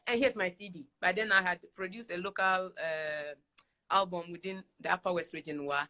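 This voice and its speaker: A Ghanaian woman, a singer, chatting as a guest over a video call in a casual live-stream interview, animated and laughing often as she acts out the voices in her stories. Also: on the low side, fairly quick.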